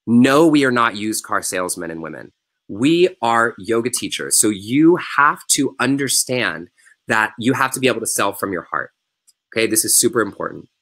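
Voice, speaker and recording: A man's voice: fairly low pitch, animated, normal speed, a bit bright. Emphatic, conversational male webinar coach. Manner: emphatic, conversational, repeats key phrases; casual and unpolished by choice. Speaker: yoga business coach hosting a webinar. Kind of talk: live webinar teaching and sales pitch.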